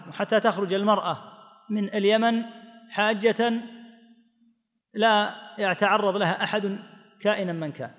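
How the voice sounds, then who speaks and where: A man with a high voice delivers a religious lesson, unhurried and explanatory. He sometimes acts out the people in the texts he quotes. His voice carries a long reverb, as if he were recorded in a big hall. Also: a bit bright. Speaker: teacher explaining hadith.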